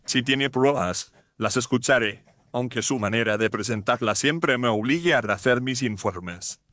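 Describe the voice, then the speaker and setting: A man's voice: medium pitch, normal speed, sharp tone, dry recording, close to an everyday voice. A man playing Inspector Lestrade, a grudging, skeptical Scotland Yard officer, businesslike, in an audio drama. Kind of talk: Spanish audio drama mystery acting.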